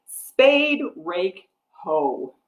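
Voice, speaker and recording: Reading a picture book and discussing a craft, a middle-aged American children's librarian hosts storytime for young kids, her pitch moving in lively swoops as she explains simply and asks the listener questions. She speaks extremely slowly. A device microphone at about arm's length in a home room with a wooden floor and piano gives a roomy, muffled recording.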